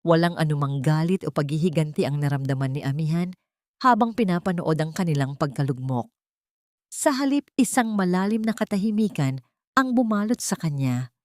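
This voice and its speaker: A woman narrates a scripted dramatic story in a lowish voice with a darkish tone. The recording is studio quality with no room sound.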